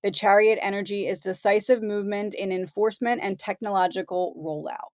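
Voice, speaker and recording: A woman's voice: medium pitch, steady tone, a little fast, no room sound. Woman losing her voice, dry sound. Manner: conversational, reads headlines aloud. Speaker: host. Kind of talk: casual commentary.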